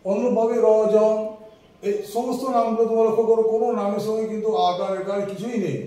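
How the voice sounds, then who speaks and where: Man, English tutor, fairly high voice, mellow tone, patient spelling out, roomy far-off sound. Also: steady tone, racing. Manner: patient, repeats and spells out letters. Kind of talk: online class explanation.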